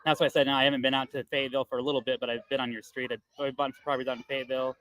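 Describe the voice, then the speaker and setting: A man in sales mode races through his pitch with plenty of "um"s and "you know"s, his voice close and dry with no room around it. He sounds practiced and reassuring, explaining money and paperwork in an easygoing run-on way. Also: little pitch movement, fairly bright tone, no room sound, low-quality recording. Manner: fast-talking, filler-heavy, reassuring salesman. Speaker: real estate investor on sales calls. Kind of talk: live-streamed phone sales call and debrief. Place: loud area. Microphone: earbud headset mic.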